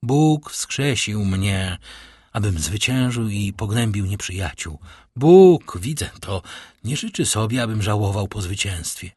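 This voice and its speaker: A man voicing a brooding middle-aged nobleman in a read-aloud novel, slow and solemn. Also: fairly low pitch, animated, a little mellow, slightly rough, no echo, studio quality. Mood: tender.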